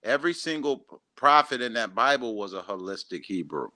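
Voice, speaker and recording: A man hosting a casual livestream, talking in an animated, emphatic way, repeating words and reading out viewer comments. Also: mid-range voice, a little fast, no echo. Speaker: livestream host.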